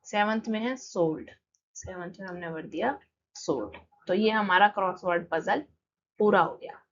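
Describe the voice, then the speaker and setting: A woman teacher with an Indian accent patiently walking students through textbook exercises, reading English lines aloud slowly and explaining them. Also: mid-range voice. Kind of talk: exercise walkthrough lesson. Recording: slightly dull lo-fi recording.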